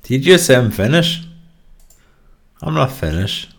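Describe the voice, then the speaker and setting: A man's voice: mid-range voice, very animated, a little slow, vocal fry, fairly bright tone. A young man from Norway streaming live, bantering with his viewers in a joking, profane, offhand way. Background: faint song playing.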